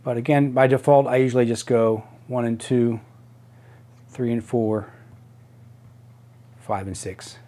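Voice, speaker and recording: A middle-aged man walks through a device in a casual tutorial. His voice sits at an average pitch. He speaks haltingly, thinking aloud as he demonstrates each step. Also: steady tone, dark tone. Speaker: tutorial presenter. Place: small home office room.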